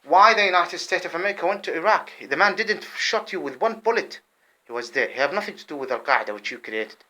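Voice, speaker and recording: Speaking to camera, a man delivers a heated, impassioned monologue full of repetition, lurching between loud outbursts and low mutters. He talks quickly with lively intonation.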